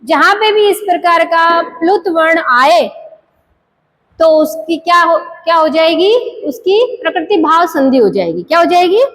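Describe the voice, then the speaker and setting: A woman lecturing on Sanskrit grammar in a very high voice. She talks slowly and deliberately, putting questions to the class and answering them herself while repeating the key terms. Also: lively intonation, fairly bright tone, poor audio. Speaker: Sanskrit teacher.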